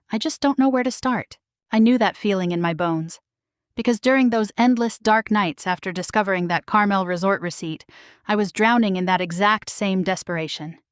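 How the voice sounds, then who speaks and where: A woman in her fifties narrating a scripted first-person story in a measured, reflective way. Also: medium pitch, no room sound, studio quality.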